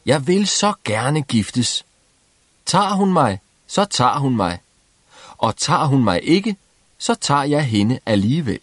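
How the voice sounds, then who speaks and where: A man voicing a cheerful, simple-minded young peasant who shouts merrily. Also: medium pitch, big pitch swings, breathy edge, no room sound, studio quality, pitched above the performer's own voice. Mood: eager.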